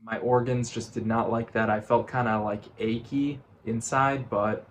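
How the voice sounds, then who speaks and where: Slow-paced man in a casual vlog. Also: medium pitch, level tone, slight background noise. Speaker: vlogger. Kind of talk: casual vlog monologue recapping workouts.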